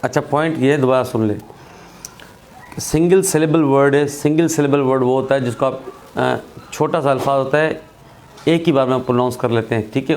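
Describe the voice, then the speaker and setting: Man, teacher, slightly raised pitch, patient, repeats rules, recorded lesson. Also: a little mellow. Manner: patient, repeats points, checks in with "theek hai". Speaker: English teacher.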